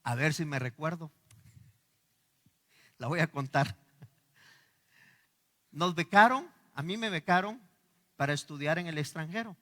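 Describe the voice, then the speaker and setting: Animated Guatemalan pastor in an echoey hall. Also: male voice, on the high side, a little slow, pauses often. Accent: Guatemalan Spanish. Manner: animated storyteller acting out dialogue, laughing. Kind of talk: sermon with personal storytelling. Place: church hall.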